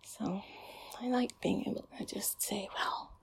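A young woman whispering in a close ASMR chat, often giggling and sighing softly. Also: mid-range voice, a little slow, gravelly, husky. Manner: soft whispering with frequent giggles and sighs. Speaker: ASMR creator.

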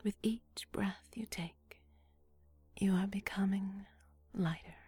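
A woman whispering a slow, soothing guided relaxation script in a breathy, hushed voice. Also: mid-range voice, steady tone, no echo.

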